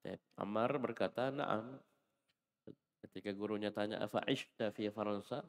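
A man's voice: on the low side, normal speed, long reverb tail. A man teaching a classroom Arabic lesson, patiently explaining and correcting a student's reading. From Indonesia.

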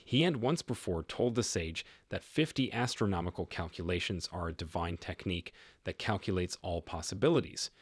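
Low, husky male recap narrator. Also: no echo, studio quality. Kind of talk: scripted story narration.

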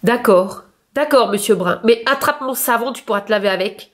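A woman's voice: on the high side, moderate pace, natural voice. A woman voicing an irritable male rabbit neighbor, exasperated and mocking, in a storybook reading.

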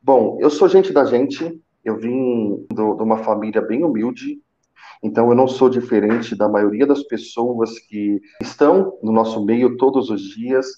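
An earnest senior call center manager in his thirties recounts his career live on a video call through a headset, frequently restarting and repeating words. His medium-pitched voice is unhurried and warm, though the call audio sounds muffled and roomy.

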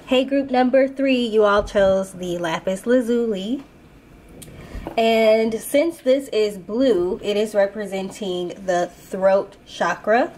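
A woman's voice: mid-range voice, slow pace, a little mellow, slight background noise. A woman with a blocked, stuffed-up nose from a sinus infection, giving a casual tarot card reading. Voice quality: congested, blocked-nose sound. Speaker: tarot reader and channel host.

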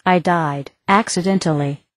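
A woman's voice: lowish voice, measured pace, no room sound. Woman narrating a fantasy story, dry.

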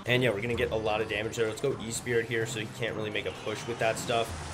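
A man's voice: on the low side, flat delivery, fast, noisy background. A young man with a slightly congested, stuffy nose gives casual gameplay commentary as a gaming video host. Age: young adult. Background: loud music.

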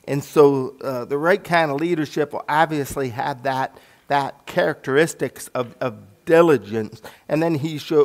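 A middle-aged American man preaching a sermon and praying from the pulpit of a church sanctuary, earnest and repeating himself as he speaks. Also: mid-range voice. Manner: earnest, repeats "Lord" often in prayer. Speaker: pastor.

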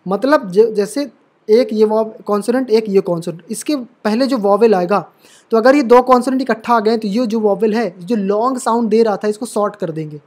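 Patient, higher-pitched male English teacher. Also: normal speed, a little mellow. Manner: patient, repetitive explaining, checks understanding; calls viewers brother and dear. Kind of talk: classroom lesson at a board.

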